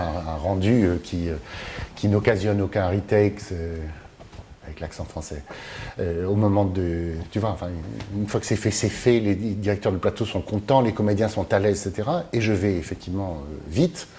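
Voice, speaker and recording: This lowish, slightly mellow male voice belongs to a film translator and teacher from the Mediterranean. He responds to an interviewer with care but hesitates often, restarting sentences and leaning on fillers, over faint background noise.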